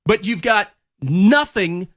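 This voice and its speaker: In a radio studio, a male co-host rants bluntly during casual radio chat, sounding like a politically incorrect cowboy. His voice is high and a bit bright, expressive, and slow.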